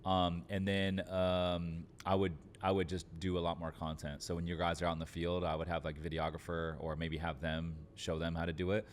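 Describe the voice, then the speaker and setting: A man with a deep voice and level tone, an entrepreneur guest on a podcast, gives conversational business advice, fairly quick and with few pauses. He's informal and often uses fillers like "like" and "literally." A little hiss or hum is audible.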